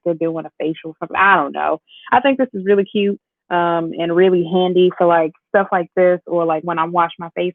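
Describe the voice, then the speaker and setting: A woman's voice: on the low side, dry recording. An upbeat woman, chatting with viewers as she hosts a makeup livestream. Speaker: beauty livestream host. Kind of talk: casual makeup livestream chat. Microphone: AirPods. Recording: tinny phone-like livestream audio.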